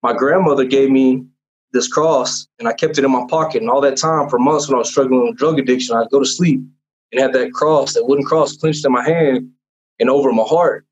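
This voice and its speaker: A young man in a podcast interview gives a heartfelt, rambling testimony, full of fillers and restarts. His voice sits at an ordinary middle pitch. The recording is muffled and lo-fi. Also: brisk, slightly rough. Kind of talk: personal testimony in casual conversation. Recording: dull lo-fi sound.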